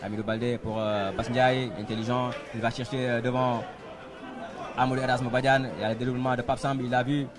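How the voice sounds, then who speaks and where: A man's voice: medium pitch, level tone, fairly quick. A man giving live football play-by-play as match commentator. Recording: outdoor stadium, loud music and crowd.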